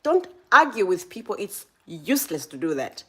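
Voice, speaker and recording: A Zambian woman hosts a live stream with motivational advice, speaking straight to her viewers and greeting people in the chat by name. Her fairly low voice has a breathy edge, animated at a moderate pace.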